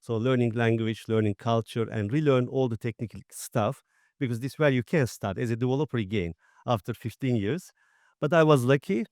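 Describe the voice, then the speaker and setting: A man's voice: mid-range voice, fairly quick, darkish tone, dry recording, studio quality. A middle-aged man from Turkey with a Turkish accent, speaking plainly in slightly broken English as a panel guest. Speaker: panel guest, former IT executive. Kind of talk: conference panel talk.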